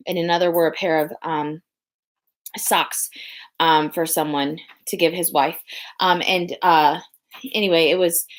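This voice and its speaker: Chatty woman rambling at home. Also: lowish voice. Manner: rambling, chatty, many ums and restarts. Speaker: podcast host. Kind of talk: casual chat.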